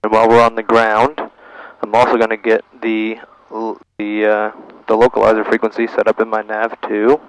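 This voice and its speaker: A pilot in a small plane's cockpit narrates his flight for a vlog, thinking aloud in short procedural phrases and making radio calls over his aviation headset. His lowish voice has a clean tone and a completely flat delivery at normal speed. The low-quality recording has no room sound but faint engine and radio noise.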